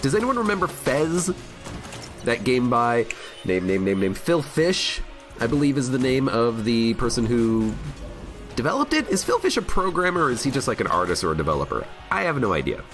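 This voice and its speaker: Streaming his gameplay with casual live commentary, an American man who has a cold speaks in a mid-range, somewhat worn voice. He chats and rambles happily, poking fun at himself, as game music sounds loudly under his voice.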